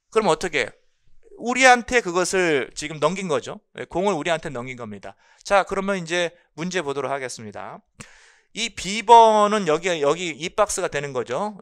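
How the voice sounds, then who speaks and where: A man's voice: on the high side, a bit bright, smooth. A middle-aged man lecturing on English phonology for exam prep, mixing English terms into his speech and answering his own rhetorical questions. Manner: explanatory, asks rhetorical questions and answers them; mixes English terms into Korean.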